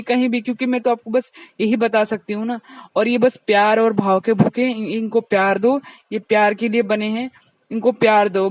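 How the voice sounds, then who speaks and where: A woman sharing her devotional testimony in a satsang, talking fast and earnestly to the congregation, a little distant from the mic. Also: medium pitch, a little mellow, no echo. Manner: speaks quickly, admits it herself; earnest, addresses the congregation directly.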